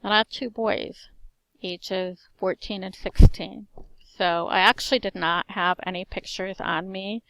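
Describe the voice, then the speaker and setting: In a mid-range voice and a slightly slow tempo, a woman in her forties who teaches gives a personal self-introduction. Her strong, carrying voice slurs the S sounds a little as she runs through items in short, even phrases, captured on poor audio.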